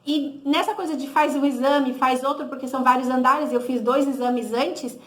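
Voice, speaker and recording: Woman, brazilian portuguese accent, high voice, chatty testimony, echoey room. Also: steady tone, normal speed, a bit bright. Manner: conversational, re-enacts dialogue with "he said, I said"; frequent tag "né?" and self-corrections. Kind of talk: personal testimony storytelling.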